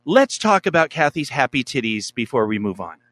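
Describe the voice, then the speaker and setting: A man's voice: mid-range voice, sing-song, fairly quick, a bit bright, no echo. A man hosting a podcast with casual comic banter and a teasing, showman-like manner. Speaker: podcast host.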